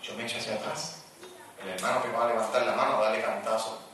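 A man preaching a charismatic sermon, swinging between loud fervent exclamations and quiet asides. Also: fairly low pitch, fairly even intonation, quick pace. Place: large church at a conference. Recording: echoey church from some distance, faint noise.

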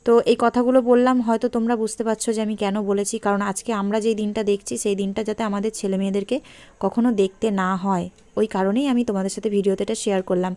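A young home vlogger from West Bengal, India, talks casually to her viewers as if they were friends, her Bengali accent clear. Her medium-pitched, dark voice stays steady as she races along indoors at home.

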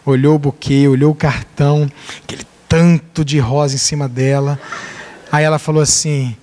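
A man's voice: fairly high pitch, normal speed. A man, a pastor, preaching a sermon and telling funny stories about his marriage, acting out the dialogue. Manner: animated storyteller, acts out dialogue. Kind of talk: sermon with humorous personal stories. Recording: reverberant hall.

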